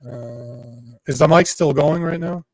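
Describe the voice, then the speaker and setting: A man's voice: fairly high pitch, slow pace, darkish tone, no room sound. Man talking through a crackling, distorted mic. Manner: blunt, swears freely. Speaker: co-host. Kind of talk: casual livestream chat.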